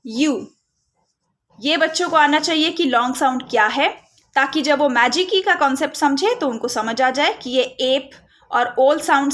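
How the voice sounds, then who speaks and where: A woman giving a phonics lesson for parents, modelling letter sounds slowly and mixing in English terms. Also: high voice, fairly bright tone. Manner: mixes Hindi with English terms. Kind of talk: instructional tutorial.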